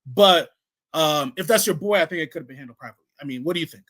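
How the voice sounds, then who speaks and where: A man co-hosting a podcast, talking casually about boxing in a relaxed, questioning way. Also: a little high, racing. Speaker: podcast co-host.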